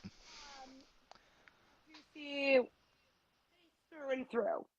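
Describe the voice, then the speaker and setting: A woman's voice: high voice, very slow, lo-fi sound. A woman guest talking casually over a remote call, her voice cutting in and out as the connection drops. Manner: chatty, self-deprecating storyteller. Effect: voice cutting in and out over an online call. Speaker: pro wrestler, interview guest. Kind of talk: casual storytelling interview. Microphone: remote video call.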